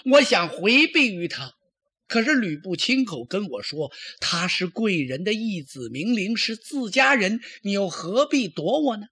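A man's voice: high-pitched, animated, a little slow, pushed and bright, slightly rough, no echo, clean studio sound, pitched above the performer's own voice, full character voice. A man voicing a tearful, cunning young concubine. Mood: tearful pleading. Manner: pleading, tearful.

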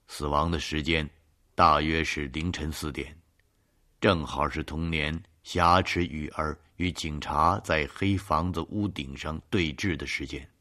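A man with an extremely deep, low voice reads a mystery story aloud. His delivery is steady and even, like a scripted audiobook narration. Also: a little slow.

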